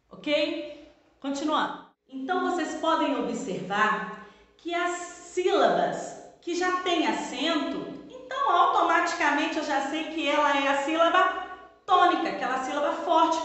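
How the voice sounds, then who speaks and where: A woman's voice: sits high, fairly bright tone. A woman teacher with a Brazilian Portuguese accent giving a recorded lesson to pupils, stretching words to stress syllables and answering her own questions. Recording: echoey room with long reverb.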